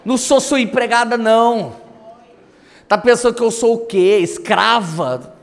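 A man's voice: high voice, flat delivery, quick pace, big-room sound. A male pastor voicing a fed-up young wife who scolds indignantly, in a sermon story.

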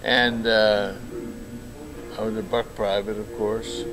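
A man in his nineties, born in Japan, telling stories in a halting, rambling way with many fillers and restarts, recorded by a camera across a table in a large lounge. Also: lowish voice, little pitch movement, music in the background, poor audio. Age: 90s. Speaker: interviewee. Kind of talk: casual storytelling. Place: large bright lounge, indoors.

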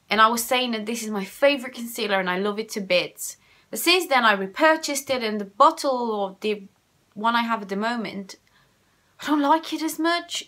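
A woman's voice: fairly high pitch, pushed and bright. A young woman from Romania with a Romanian accent, chatting casually through a beauty product review at home, rambling and repeating herself. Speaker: beauty vlogger. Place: home room with shelves of cosmetics.

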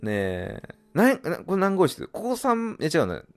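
A man doing horror game commentary, muttering and reading game text aloud, then bursting into loud startled yelps. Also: high voice, wildly swooping pitch, unhurried. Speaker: let's play gamer.

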